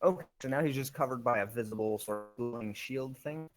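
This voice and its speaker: A young man playing a tabletop game, laughing, swearing and thinking out loud with many ums. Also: medium pitch, brisk. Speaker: player. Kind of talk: casual tabletop game chat.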